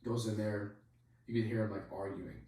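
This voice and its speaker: A soldier telling a story on a podcast in a rambling, casual way, leaning on "like" and swearing freely. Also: male voice, on the low side, level tone, normal speed, dark tone. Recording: very echoey room, voice far from mic.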